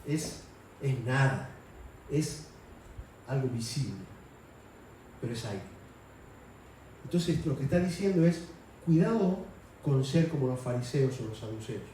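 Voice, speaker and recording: In a church hall, a man preaches conversationally, raising his voice when he acts out quotes. He has a medium-pitched, dark-toned voice, recorded with slight background noise from a distant mic in an echoey room.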